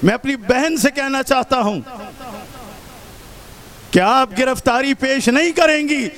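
A man from Pakistan giving an impassioned protest speech at an outdoor rally, often shouting and firing rhetorical questions at the crowd. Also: very high voice. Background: faint crowd.

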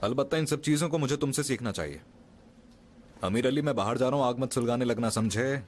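A teasing yet bossy young businessman, voiced by a man, in a voice of middling pitch. His playful banter turns curt when he gives orders. A faint hiss of noise sits under the dubbed drama track. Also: fairly quick, lightly acted. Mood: instructing.

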